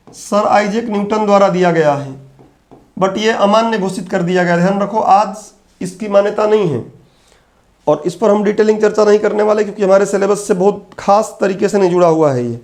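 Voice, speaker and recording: A man's voice: high voice, a little mellow. A man teaching an exam-prep physics lecture, patiently repeating key terms and answering his own questions.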